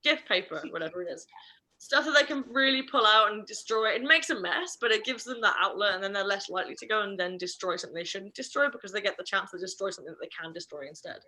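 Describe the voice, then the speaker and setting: An animated woman leads an online puppy class as a dog trainer, speaking quickly with a bright, forceful tone. She chats freely, fixes her own words midstream, and sometimes shifts into a playful high voice.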